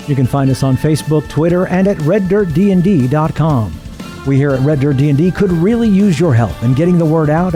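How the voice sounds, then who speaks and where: A man presenting a podcast, reading scripted credits and appeals to listeners. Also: a little high. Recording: soft music behind.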